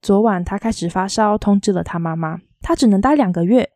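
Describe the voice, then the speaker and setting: A woman voicing a calm, kindly small-town schoolteacher, in a soft, quietly lilting reading voice. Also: mid-range voice, brisk, no echo, natural voice. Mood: gentle.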